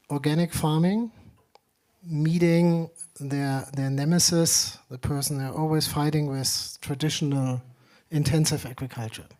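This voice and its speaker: A man's voice: fairly high pitch, darkish tone. A middle-aged man from Germany, speaking on a conference panel with many fillers and dry humor. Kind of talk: panel discussion.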